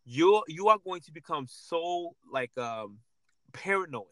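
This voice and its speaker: Man, casual chat, rambling fillers, high pitch, dry sound. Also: animated, measured pace, sharp tone, no room sound. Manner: rambling, many repeated fillers.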